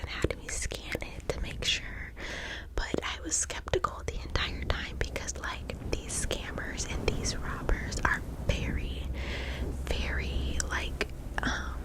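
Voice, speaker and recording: A woman hosting ASMR, telling casual stories in a breathy, unvoiced whisper close to the mic in a chatty, rambling way. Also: poor audio. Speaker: ASMR host. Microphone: close-up mic with fluffy cover.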